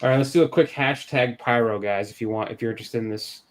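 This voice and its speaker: A man's voice: mid-range voice, fast talker. A man hosting a casual live-stream card giveaway over a video call, loose and chatty, often restarting his sentences.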